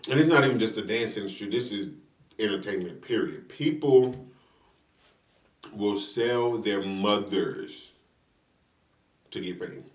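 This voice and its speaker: A man's voice: on the low side, unhurried, long pauses. A man chatting casually and slangily to viewers as he eats fried chicken during a mukbang. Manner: eating fried chicken while talking; colloquial, slangy, addresses viewers as y'all. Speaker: mukbang vlogger. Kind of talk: casual chat to viewers while eating. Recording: roomy echo, distant from the mic.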